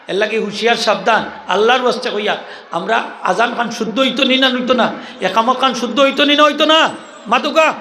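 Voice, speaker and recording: Sylheti preacher with a high, bright voice. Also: male voice, slight background noise. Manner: animated, questions the crowd and drills call-and-response. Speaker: Islamic preacher. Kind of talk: sermon to a live gathering. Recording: echoey hall with faint ambience.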